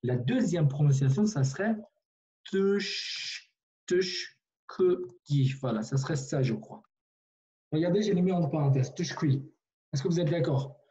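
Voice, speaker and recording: A man's voice: on the high side, expressive, a little fast, warm tone, lo-fi sound. A man teaching a language online in a patient way, repeating himself with many fillers and restarts, over a video call.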